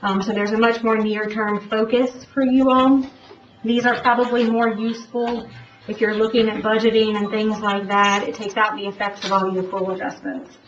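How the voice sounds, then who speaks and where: A woman's voice: mid-range voice, flat delivery, moderate pace. A woman speaking through a face mask, giving a formal report presentation as an auditor. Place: public board meeting room. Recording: echoey room, distant mic, dull, faint noise.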